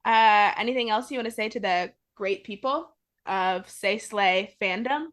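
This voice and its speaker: A woman's voice: mid-range voice, unhurried, a bit bright. A young woman hosting a podcast, chatting casually with a friend, laughing often and saying "like" a lot. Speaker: podcast host. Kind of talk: casual chat.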